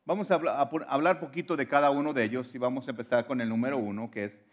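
A man's voice: medium pitch, fairly even intonation, quick pace, highs cut off. A man preaching a sermon. He speaks earnestly and directly to his listeners, often restarting words, and grows more fervent and emphatic.

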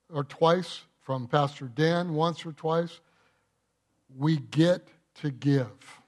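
Delivering a forceful sermon in church, this pastor speaks unhurriedly in a voice a touch higher than average for a man. He leans on rhetorical questions.

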